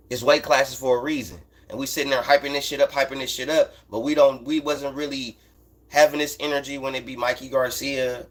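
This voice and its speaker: A man's voice: mid-range voice, fairly bright tone. An American man hosting a casual sports talk stream, speaking in blunt, profane, emphatic slang and repeating phrases to drive his points home. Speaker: host of a boxing talk livestream. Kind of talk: casual unscripted sports commentary, answering chat.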